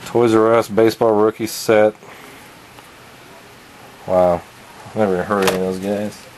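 A man's voice: fairly low pitch, steady tone, normal speed, darkish tone, a little hiss or hum, low-quality recording. A young man in his twenties casually showing off his collection in a cluttered basement, rattling off items with fillers, recorded on a handheld camera. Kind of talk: casual show-and-tell.

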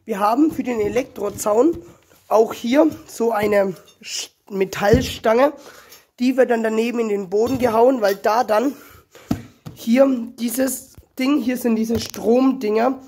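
This casual walk-around vlog has a young farmer, sick with a cold and a bit hoarse, showing his small-animal farmyard outdoors on a handheld phone. He talks to viewers in a rambling, self-correcting way. The voice is very high, unhurried and somewhat mellow, with slight background noise.

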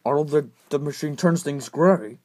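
Brief: toy video performer, husky, halting explainer. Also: medium pitch, darkish tone. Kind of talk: home-made toy story voicing.

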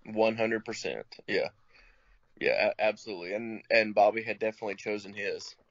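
A man's voice: on the low side, fairly quick, lo-fi sound. A man from Alabama, chatting casually as a podcast co-host, easygoing and agreeable, often restarting his sentences. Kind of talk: casual chat.

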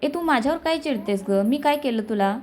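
A woman's voice: high-pitched, expressive, fairly quick, a little mellow, slight background noise. Brief: woman storyteller voicing a cheerful teasing girlfriend, storybook reading. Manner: teasing, playful. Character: young woman, teasing cheerful best friend.

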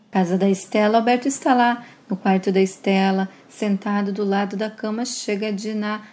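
A woman casually retelling a soap opera episode, in a plain, steady storytelling manner. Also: medium pitch. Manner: plain, steady storytelling with simple linking phrases. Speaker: soap opera recap narrator.

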